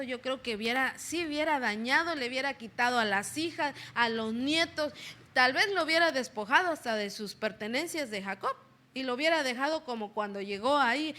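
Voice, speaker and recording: A woman preaching at a church service in a high, bright voice. She talks in a chatty, homely way, closes her sentences with a questioning "right?" and asks her listeners to answer her out loud. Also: normal speed. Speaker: lay preacher. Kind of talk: conversational sermon.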